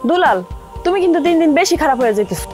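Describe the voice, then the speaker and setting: A woman's voice: extremely high pitch, animated, very fast. A young woman, playing an outspoken, reproachful elder sister-in-law in a TV drama. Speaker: elder son's wife. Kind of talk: TV drama acting. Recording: music under the dialogue.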